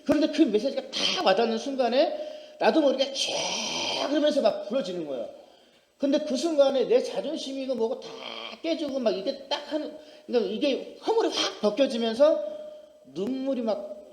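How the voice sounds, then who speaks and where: A male pastor delivers a sermon, mixing personal testimony with emphatic appeals to his congregation. His voice sits high and moves in wide, animated swings. The sound is roomy, with the long reverb of a church hall. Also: normal speed. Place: small church sanctuary.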